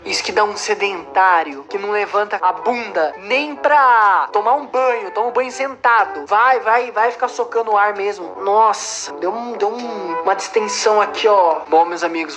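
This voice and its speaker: A Brazilian-accented woman giving loud, excitable gameplay commentary, shouting and cursing at the game. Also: mid-range voice. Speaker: gamer. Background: game music.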